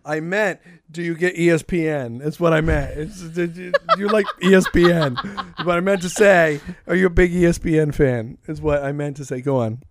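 A man co-hosting a podcast, joking and rambling in casual banter and slipping into quick impressions. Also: fairly high pitch, noisy background. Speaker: podcast co-host.

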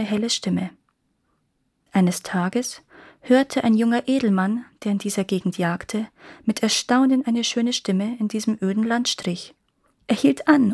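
A woman storyteller reading a fairy tale aloud in calm, even narration. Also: medium pitch, breathy edge, no echo, studio quality.

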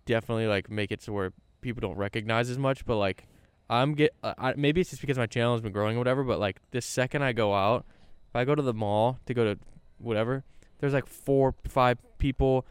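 Easygoing guy rambling on a podcast, lots of "like", smooth clean voice. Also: mid-range voice, quick pace, dry recording. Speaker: video creator and podcast co-host. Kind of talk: casual chat.

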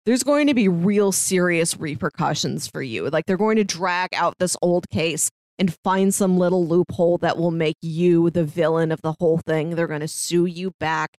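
While co-hosting a podcast, a woman talks casually about an audio drama, retelling it and voicing snippets of dialogue. She has a lowish, darkish voice at normal speed with few pauses, and the recording is dry.

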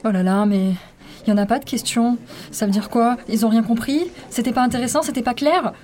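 A woman's voice: on the high side, fairly quick, darkish tone, close to an everyday voice. A woman voicing an anxious, stammering inner voice of a young doctoral student in a radio fiction. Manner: hesitant, stammering, worried.

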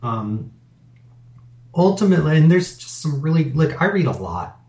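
This interview guest, a middle-aged business owner, rambles in a candid, reflective manner with lots of fillers. His dark-toned voice sits on the high side with big pitch swings, delivered at normal speed. The space sounds roomy and echoey.

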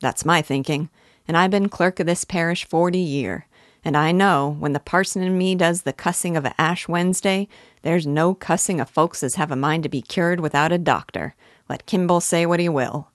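In a storybook reading, a woman with a low, natural-sounding voice plays an old male English village busybody with a rural dialect, self-important, neighborly, garrulous and opinionated. She rambles and hands out advice at normal speed, in a dry, clean studio recording.

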